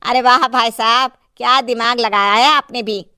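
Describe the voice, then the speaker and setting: A woman voicing an eager, flattering townsman who defers to his betters, in a cartoon moral story. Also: a little high, normal speed, smooth, no echo, clean studio sound. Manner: fawning, eager.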